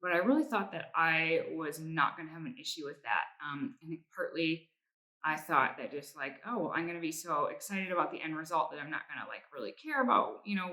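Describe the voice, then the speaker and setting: A woman's voice: deep voice, bright, forceful tone, poor audio. A woman vlogger giving a casual personal update in a reflective, somewhat hesitant way.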